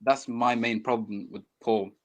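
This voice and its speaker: A man's voice: mid-range voice, fairly even intonation, unhurried. A man calling into a live debate stream from a phone, earnest and a little hesitant, often restarting words. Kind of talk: casual debate chat. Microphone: phone mic.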